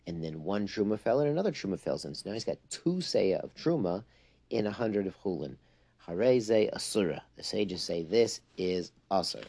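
Male religious teacher, low relaxed voice, explanatory and emphatic, informal lesson mixing English with Hebrew and Yiddish terms.

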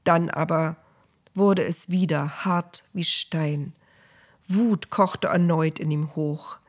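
Lower-voiced woman reading a Bible story. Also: fairly even intonation. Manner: measured, vivid storytelling. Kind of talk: scripted narration of a Bible story.

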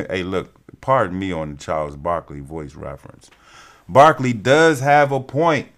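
A man's voice: mid-range voice, a bit bright. Profane trash-talking sports fan man. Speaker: sports vlogger. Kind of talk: casual sports commentary.

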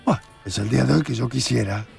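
A man's voice: medium pitch, fast talker, gravelly, loud music behind the voice. A man in his seventies with a Rioplatense Spanish accent tells a comic childhood story, insisting on his point and acting out the scenes. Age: 70s. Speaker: storytelling guest. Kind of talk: comic anecdote on a talk show.

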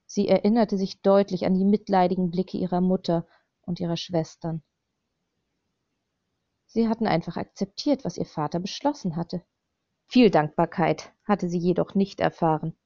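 A woman's voice: on the low side, moderate pace, dry recording. A woman narrating an audiobook in scripted narration, reading steadily, on a slightly dull, dry recording. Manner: steady, even reading of a dark thriller.

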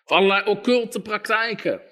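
A man's voice: high-pitched, moderate pace, pushed and bright. A man preaching a sermon, telling stories with quoted dialogue and listing things emphatically.

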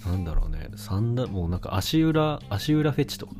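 A man from Fukuoka co-hosting a podcast, chatting casually in a relaxed, teasing way and chuckling often. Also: fairly low pitch, brisk, music in the background. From Fukuoka, Japan. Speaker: podcast co-host.

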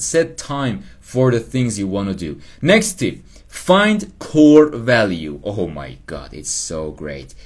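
Slow, lively self-help podcaster, man. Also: medium pitch. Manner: rambling, repeats himself, laughs at himself. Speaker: podcast host. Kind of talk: casual self-help monologue.

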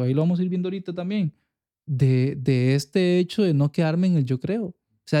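Costa rican guy, young, earnest faith podcast chat, keeps asking if u get him, warm dark sound. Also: on the high side. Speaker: podcast co-host.

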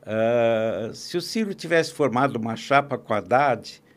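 Here a columnist and agribusiness consultant, guesting on a podcast, talks politics in a loose, opinionated manner. His medium-pitched voice is expressive and measured in pace, and he's talkative, with lots of fillers and restarted sentences.

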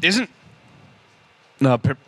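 A man's voice: drawn-out words, fairly bright tone, no room sound. A man co-hosting a casual podcast, easygoing and chatty. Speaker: podcast co-host. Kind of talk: casual banter among friends.

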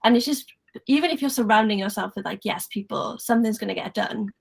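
A woman's voice: medium pitch, quick pace, creaky, breathy edge. A young woman with a Welsh accent hosting a podcast over a call, chatty and upbeat, full of fillers. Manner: chatty, upbeat, giggly, lots of "like". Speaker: podcast host. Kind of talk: casual podcast chat. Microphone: remote call.

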